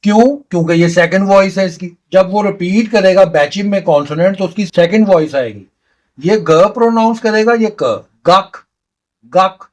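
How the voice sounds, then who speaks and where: A man with a high-sitting voice gives a slow, explanatory beginner language lesson at normal speed. He patiently repeats each sound, step by step.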